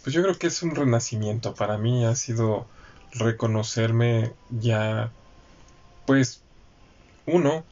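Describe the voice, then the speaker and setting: A man in his forties with a gravelly voice, speaking slowly and hesitantly as he thinks aloud. He sounds a little off mic on a dull recording. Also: medium pitch, darkish tone. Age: 40s. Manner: slow, thoughtful, hesitant. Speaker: co-host.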